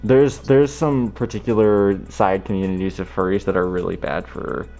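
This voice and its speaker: A man with a deep, low voice chats with strangers on a video call. He stays calm and dry and keeps teasing them. He talks from inside a fursuit head. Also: normal speed, gravelly, soft background music. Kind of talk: casual video chat. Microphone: talking from inside a fursuit head.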